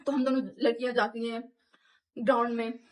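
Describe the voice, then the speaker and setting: Animated young woman telling a story. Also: on the high side, brisk. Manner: animated, laughs often, acts out quoted lines. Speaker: vlogger. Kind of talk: casual storytime.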